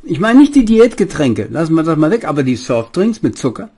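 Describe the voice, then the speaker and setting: An older man giving a preachy monologue, addressing his listeners fondly and speaking with a slightly husky voice. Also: a little high, fairly quick. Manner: preachy, lively, addresses listeners as "meine Lieben". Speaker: spiritual speaker and author.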